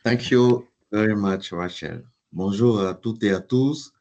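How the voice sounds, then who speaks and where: A man with a very deep voice gives formal opening remarks at an online webinar. He speaks deliberately, hesitating and repeating words as he works through his thoughts. He sounds like he is on a computer mic during a video call. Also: darkish tone, muffled recording. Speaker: chapter president giving opening remarks.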